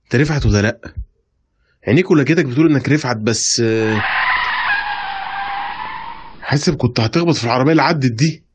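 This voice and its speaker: A man's voice: medium pitch, quick pace, long pauses, very noisy, natural voice. A man voicing a panicked, incredulous middle-aged male friend with an Egyptian accent, in a radio drama. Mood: alarmed. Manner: alarmed, incredulous.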